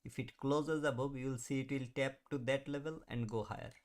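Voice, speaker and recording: This host of a live trading stream is a man in his thirties who speaks fairly quickly in a steady, medium-pitched voice. Chatting casually, he answers viewers, laughs a lot, and mutters at the chart while watching.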